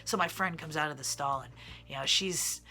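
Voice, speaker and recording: A transgender singer and vlogger in his 30s from the Midwestern United States speaks at normal speed in a fairly high, feminine-sounding voice that is gravelly, pushed and bright. He tells personal stories to camera casually and candidly, drifting off topic and using lots of fillers.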